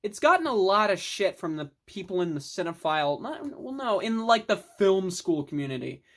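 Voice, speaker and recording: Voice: mid-range voice, very animated, moderate pace. A young adult vlogger giving a casual, rambling film review monologue, enthusiastic, with mild swearing.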